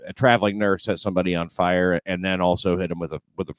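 Deadpan low-voiced podcast host. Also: male voice, fast talker, dry recording. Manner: dry, deadpan delivery with crude jokes. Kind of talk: casual comedic podcast chat.

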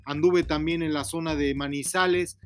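A man's voice: fairly high pitch, steady tone, moderate pace. A man talking to his daughter in a casual heart-to-heart, earnest and preachy, lecturing her about humility. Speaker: father giving advice.

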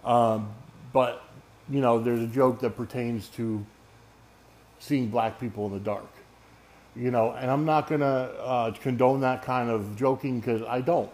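A man's voice: mid-range voice, a little mellow. A man giving casual solo sports commentary as a podcast host, conversational and emphatic, often checking in with listeners.

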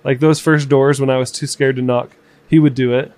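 A man in his twenties chatting casually as podcast co-host, reflective and halting, with fillers and restarts. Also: medium pitch, fairly even intonation, darkish tone, no echo. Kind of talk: casual conversation.

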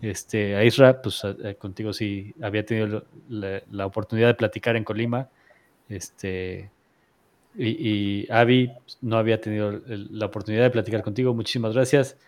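Hesitant low-voiced man hosting. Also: fairly even intonation, normal speed, a little mellow. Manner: hesitant, many fillers and restarts. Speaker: podcast host. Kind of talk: casual live-streamed chat.

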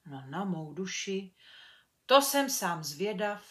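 A woman's voice: medium pitch, big pitch swings, lightly acted. A woman voicing a simple, good-natured male woodcutter who talks in a folksy, grumbling way in a children's storybook reading. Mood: worried grumbling. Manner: folksy, plain-spoken, grumbling.

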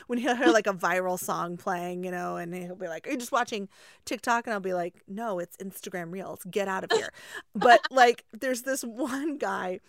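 A woman's voice: on the low side, no room sound, studio quality. Chatty woman choir teacher co-hosting. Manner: animated, chatty, asks rhetorical questions. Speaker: choir teacher, podcast co-host. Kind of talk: casual chat.

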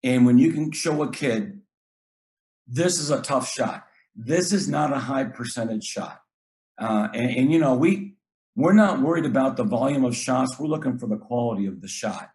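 Middle-aged man, basketball coach, casual talk, earnest, mid-pitched voice, restarts phrases. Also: expressive, normal speed, a little mellow. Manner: earnest, repeats words, acts out talks with players. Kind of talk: casual podcast chat.

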